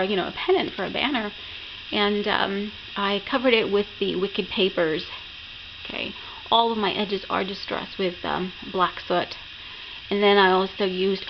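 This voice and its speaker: Chatty craft vlog lady sick w a sore throat, gravelly crackly voice, kinda muffled audio. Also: mid-range voice. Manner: enthusiastic, chatty. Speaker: craft vlogger. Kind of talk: casual project show-and-tell. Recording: muffled lo-fi sound with clear background noise.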